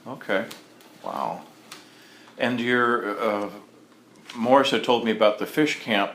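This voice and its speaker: A male interviewer asking curious, halting questions with frequent fillers. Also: medium pitch, fairly bright tone, slight background noise. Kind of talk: casual interview. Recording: echoey room with faint ambience.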